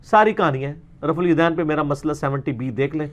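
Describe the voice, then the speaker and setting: Speaking with a Pakistani Punjabi accent and a slightly high voice, a man delivers an informal religious lecture. He argues in colloquial language, poses rhetorical questions, and mixes in some English words.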